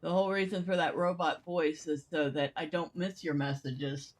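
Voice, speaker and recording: A woman's voice: sits low, fairly even intonation, normal speed. A woman streaming a game, chatting casually and answering her viewers between exclamations. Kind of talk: casual live-stream commentary.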